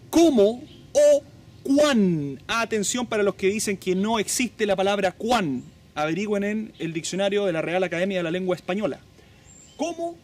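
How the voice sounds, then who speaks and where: A man who speaks Spanish as his first language, teaching English in a lesson and drawing out model words to be repeated. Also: high-pitched. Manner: slow, drawn-out model pronunciations with lively teacherly emphasis.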